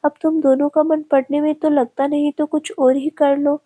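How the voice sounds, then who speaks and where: A woman reading the lines of a middle-aged male professor who gently scolds two girls in a storybook tale. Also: sits high, level tone, normal speed, natural voice. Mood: teasing. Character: kindly middle-aged male professor, stern but amused.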